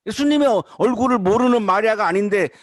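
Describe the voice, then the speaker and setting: A man's voice: high voice, fast, no echo. A man preaching a sermon, building emphasis through repeated rhetorical questions. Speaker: pastor.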